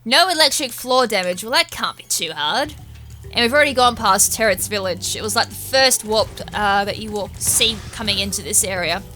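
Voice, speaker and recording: Bright, excitable Australian woman gamer. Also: medium pitch, moderate pace. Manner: excitable, chatty, self-mocking. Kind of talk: let's play commentary.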